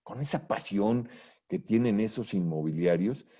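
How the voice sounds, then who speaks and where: A man's voice: on the low side, lively intonation, a little slow, mellow, breathy edge. A man from Mexico, giving an earnest motivational talk at a real estate conference and speaking straight to the listener. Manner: earnest motivational lecturing, addresses listener directly. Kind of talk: conference presentation.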